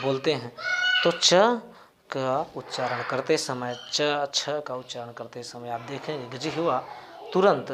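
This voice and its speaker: A man teaching a grammar lesson, explaining slowly and deliberately and spelling out individual sounds one by one. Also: mid-range voice, noisy background. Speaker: Sanskrit teacher.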